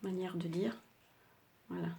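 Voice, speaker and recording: An older Frenchwoman hosting a craft tutorial, speaking softly with a slightly sore throat, chatty and hesitant with many fillers. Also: fairly low pitch, fairly even intonation, unhurried.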